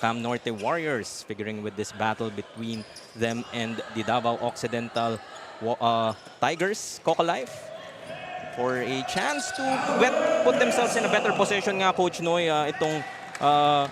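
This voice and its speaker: A man's voice: mid-range voice, moderate pace. A man with a Filipino accent giving live basketball commentary as host, mixing two languages. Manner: switches between English and Tagalog. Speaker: play-by-play commentator and panel host. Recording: clear venue noise behind.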